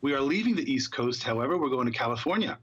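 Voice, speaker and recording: A man's voice: mid-range voice, animated, fast talker, fairly bright tone, breathy edge, highs cut off. A man being interviewed on a TV talk show, explaining with upbeat fluency. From Philadelphia area. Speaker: guest spokesperson. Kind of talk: TV studio interview.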